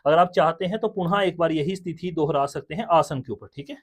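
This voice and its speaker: A man with a fairly high voice patiently walks the viewer through a prayer ritual on camera. He talks indoors, seated at his setup. His tone is explanatory, and he often checks that the viewer is following. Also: a little fast. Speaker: spiritual teacher. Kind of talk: step-by-step ritual demonstration. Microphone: camera in front.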